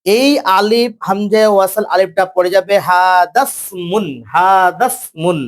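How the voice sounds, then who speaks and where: High-voiced man teaching Arabic grammar. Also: fairly even intonation. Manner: slow, drawn-out pronunciation of examples; repeats points and tells students to listen. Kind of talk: classroom grammar lecture.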